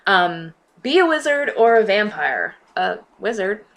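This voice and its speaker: Bright-voiced woman with a Northeastern US accent. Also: medium pitch, very animated, unhurried. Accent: US Northeast, slight New York-New Jersey tilt. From United States. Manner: chatty, rambling, playful. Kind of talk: casual question-and-answer reading prompts aloud.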